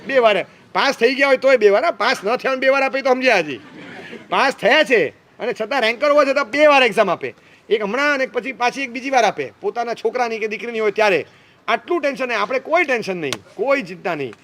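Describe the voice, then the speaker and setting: Give me a quick-talking man with a high voice, giving a teasing, light-hearted sermon to youngsters. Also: expressive, fairly bright tone, slight background noise. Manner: playful, teasing, mimics parents and teens. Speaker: speaker addressing young people. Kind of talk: humorous sermon.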